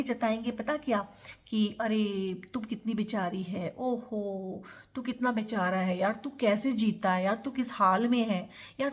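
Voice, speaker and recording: Woman, tarot reader, earnest and advising, slightly high voice, talks straight to viewers. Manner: earnest, advising, mixes English words into Hindi. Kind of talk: tarot reading monologue.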